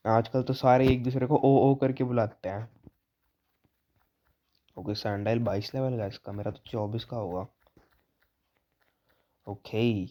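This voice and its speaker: A man's voice: mid-range voice, mellow. A young man doing casual let's-play commentary, chatty, teasing the characters and reading their lines aloud. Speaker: gaming YouTuber.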